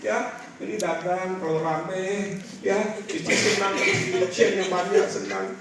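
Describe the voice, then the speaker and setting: A man preaching a lively, animated church sermon to a congregation, illustrating his points with everyday stories. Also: high voice, takes it slowly, gravelly, far from the mic, over loud music. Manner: animated, rising to shouted calls to the congregation. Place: large church hall with a congregation. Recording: echoey church hall, mic from afar.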